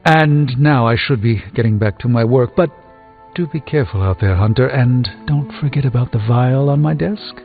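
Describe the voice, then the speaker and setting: A man's voice: medium pitch, moderate pace, close to an everyday voice. A man playing Doctor Strange, erudite sorcerer, tinny audio. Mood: kindly composed. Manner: articulate, formal, dryly witty. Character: erudite, wry male sorcerer doctor, composed and a little pompous. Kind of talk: scripted video game character dialogue. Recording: tinny band-limited game audio over music.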